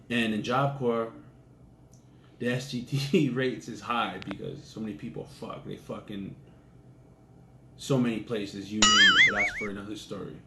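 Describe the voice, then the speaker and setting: A man's voice: fairly low pitch, sharp tone. A young man casually telling a crude personal anecdote in a laid-back, profane way. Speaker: storyteller. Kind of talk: casual storytelling. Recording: echoey room with faint ambient noise.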